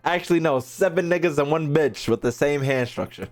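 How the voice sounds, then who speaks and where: A man streams a game, reacting in casual, slangy commentary, swearing freely and heckling with mock outrage. His voice is on the high side and a little fast, with faint game music playing behind it.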